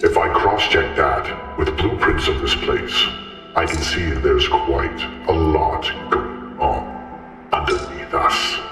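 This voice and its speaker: A man as a very deep, ponderous informant. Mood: cryptic, instructing. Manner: musing, deliberate, condescending. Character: cryptic, ponderous male informant wired into a data network. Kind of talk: video game character acting. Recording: echoey room with music behind. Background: music.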